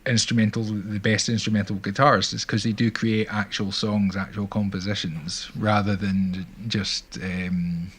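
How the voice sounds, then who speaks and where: A man's voice: fairly low pitch, little pitch movement, normal speed, few pauses, a bit bright, breathy edge. A man hosting a music stream, chatting casually and rambling a little with restarts. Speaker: stream host. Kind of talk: casual chat.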